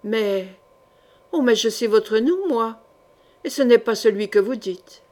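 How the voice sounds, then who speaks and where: Une femme lisant un livre audio prête sa voix à un jeune chevalier noble, fier et passionné, aux éclats pressants. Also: female voice, fairly high pitch, expressive, a little slow, warm tone. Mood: surprised. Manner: urgent, pleading outbursts. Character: young nobleman knight, proud and passionate. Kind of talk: audiobook character reading.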